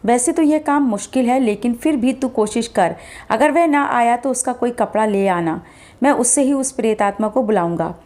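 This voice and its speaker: A woman's voice: a little high, normal speed, a little mellow, lightly acted. A woman voicing a stern, confident older male exorcist who gives orders in a fatherly way. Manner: commanding, fatherly.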